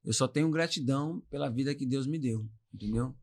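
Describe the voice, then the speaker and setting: A man's voice: mid-range voice, brisk. A man with an inland São Paulo accent, a podcast guest telling funny stories from his playing days in a casual chat and laughing as he goes. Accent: São Paulo interior. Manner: animated storyteller, laughs through anecdotes. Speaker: podcast guest, former footballer.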